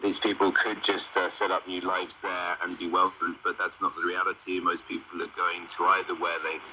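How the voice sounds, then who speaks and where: A man with a very low voice speaks in a flat, conversational way on a discussion panel. He is heard over shortwave radio with clear noise. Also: brisk. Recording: noisy shortwave radio reception.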